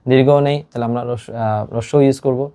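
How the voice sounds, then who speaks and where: A quick-talking male teacher. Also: medium pitch, steady tone, dark tone, clear, resonant tone. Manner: explains step by step, mixing English words into his speech. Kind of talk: online exam-prep lesson.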